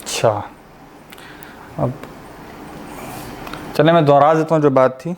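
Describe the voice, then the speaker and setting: A man's voice: on the high side, fairly even intonation, takes it slowly, slight background noise. A man teaching a grammar lesson over an online class. He explains step by step, asking the class questions and then answering them himself.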